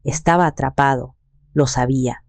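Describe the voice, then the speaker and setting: A woman narrating a first-person dramatic story in a measured, cold manner. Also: rumbling low, fairly even intonation, vocal fry, a little mellow, no echo.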